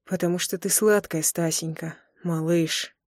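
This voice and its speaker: A woman voicing a teasing, tender young man in an audiobook, speaking low and slow in a murmur. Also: fairly even intonation, darkish tone, no echo, studio quality. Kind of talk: audiobook character voice.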